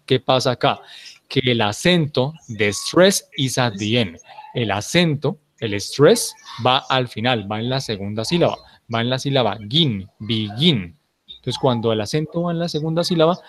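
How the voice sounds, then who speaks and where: A male teacher gives a grammar lecture in an ordinary mid-range voice, with a faint hiss behind him. He explains step by step and repeats the key points. He keeps stopping to check that the class has understood. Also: medium pitch. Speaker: English teacher.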